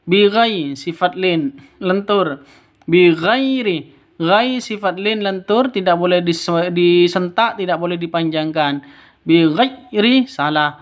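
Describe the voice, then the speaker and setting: A man with a high, smooth, clear voice leads a beginner lesson in Quran reading. He chants each verse slowly and drawn out, then breaks off to explain the rules at an unhurried pace, stopping to correct himself and to repeat the examples patiently. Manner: alternates slow drawn-out chanted recitation with brisk explanations. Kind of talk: step-by-step recitation lesson for beginners.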